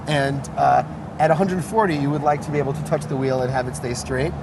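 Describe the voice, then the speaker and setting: A man talks casually outdoors, rambling through enthusiastic explanations and stopping often for fillers. His voice sits a little high for a man. Loud street and traffic noise runs under the whole recording. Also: steady tone, a little fast, creaky. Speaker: car owner guest. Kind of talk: casual chat. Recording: noisy outdoor street sound.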